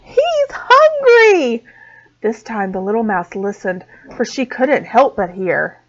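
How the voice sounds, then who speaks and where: Teacher lady reading a kids story, real slow and expressive, kinda muffled sound. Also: mid-range voice. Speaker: preschool teacher. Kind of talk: storybook read-aloud for small children. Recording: dull lo-fi sound.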